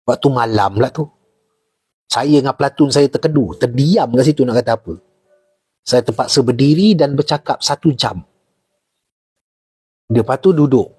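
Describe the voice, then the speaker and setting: A middle-aged man with a Malaysian Malay accent, a retired army officer appearing as a guest, tells stories in casual chat. His medium-pitched voice is slightly rough, moving at a moderate pace with frequent pauses, recorded dry. An animated storyteller, he repeats key points and poses rhetorical questions to his listeners.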